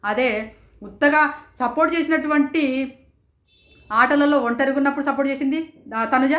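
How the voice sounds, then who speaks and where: A woman reviewing a reality show in rapid, indignant commentary, firing off rhetorical questions. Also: sits high, a bit bright, echoey room. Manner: rapid, rhetorical, indignant, quotes others in raised voices. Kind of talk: passionate commentary.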